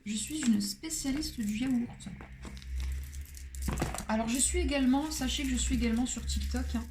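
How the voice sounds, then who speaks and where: A woman giving a casual tarot card reading. She talks in a chatty, playful way and often drops into soft whispered asides. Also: high-pitched, normal speed, background noise.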